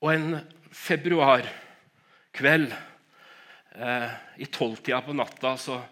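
A man's voice: medium pitch, pushed and bright. A middle-aged man preaching and telling his own conversion story, with emotional storytelling, stammering restarts and frequent laughs. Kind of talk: sermon with personal testimony.

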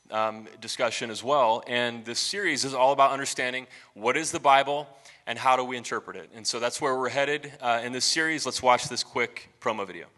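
A man's voice: medium pitch, pushed and bright, big-room sound. A man preaching a sermon as pastor, talking conversationally and asking the congregation questions.

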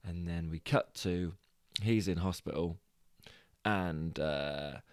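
A British man with a very low, gravelly voice retells a story for his podcast at an unhurried pace. He rambles and hesitates, with frequent fillers and restarts. The sound is dry and close. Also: no room sound. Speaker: podcast host.

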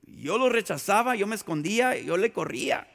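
A pastor preaching a sermon in a conversational, storytelling way, full of rhetorical questions and acted-out anecdotes. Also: male voice, high voice, lively intonation, normal speed, vocal fry, a bit bright. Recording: long hall reverb.

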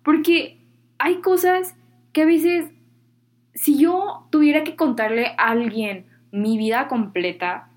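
A teenage girl from Mexico vlogs casually to camera in a Mexican Spanish accent. Her voice is high-pitched with fairly even intonation and a slow pace, and she's chatty and candid with her viewers, throwing in Mexican slang and poking fun at herself.

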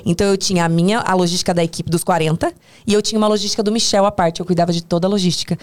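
A woman with a Brazilian Portuguese accent telling work stories casually in conversation, in an animated, hyperbolic way that often interrupts itself. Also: on the low side, racing. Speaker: podcast guest, tour producer.

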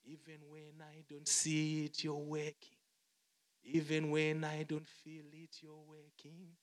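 Slowly and with a completely flat delivery, a Zimbabwean man whose voice is a little high preaches a sermon with testimony. He repeats himself, quotes songs and frequently restarts his words, and the recording carries long hall reverb.

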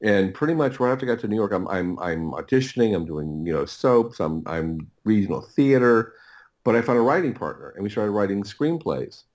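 A middle-aged writer and audio producer, appearing as a podcast guest, tells casual stories in a fairly low, sing-song, slightly mellow voice. His rambling anecdotes are halting and repetitive, and he keeps doubling back and breaking off mid-phrase.

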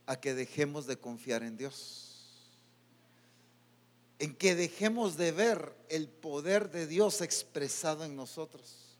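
High-voiced preaching man, long church reverb. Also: animated, slow. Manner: preaching with sudden loud peaks and quiet low drops; speaks to his own soul in asides. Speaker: pastor. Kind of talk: sermon. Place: church hall.

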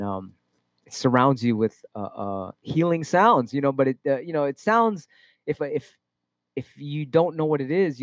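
Man, music producer, casual interview, halting, swears a lot, lo-fi dry recording. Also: mid-range voice, no echo. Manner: rambling, halting, swears freely.

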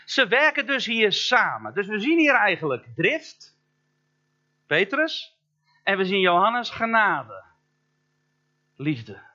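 A man preaching a sermon as a pastor, chatty and joking, asking the congregation questions and slowing down to stress key words. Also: sits high, very animated, sharp tone, muffled recording. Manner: conversational and joking, asks the listener questions.

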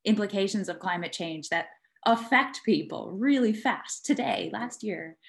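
A woman's voice: medium pitch, measured pace, vocal fry. A woman hosting an interview, giving brief friendly replies and laughing along. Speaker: podcast host.

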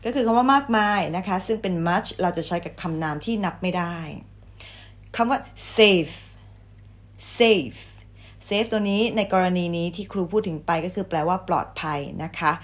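A woman teacher giving a vocabulary lesson, saying each English word twice, louder and slower, then explaining it politely. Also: mid-range voice. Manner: polite, ends phrases with soft particles.

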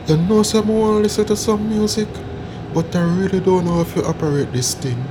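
A woman's voice: fairly low pitch, fairly even intonation, fairly quick, natural voice. A woman playing a nervous, unsure first-time traveller in a skit. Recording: noisy vehicle-like background.

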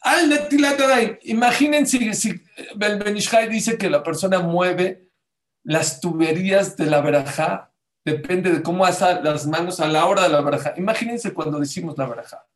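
A man's voice: high-pitched, normal speed. A man preaching a sermon with a somewhat raised voice. He tells stories with animation and plays the people he quotes. He keeps checking in with his listeners through direct questions. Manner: storytelling, animated, acts out quotes; addresses audience with questions. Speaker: rabbi. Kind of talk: Torah sermon.

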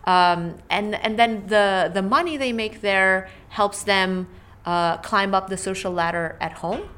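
A woman's voice: medium pitch, a little slow, fairly bright tone, clear, resonant tone. A woman, a political science professor thoughtfully answering podcast interview questions with many fillers and restarts. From Romania.

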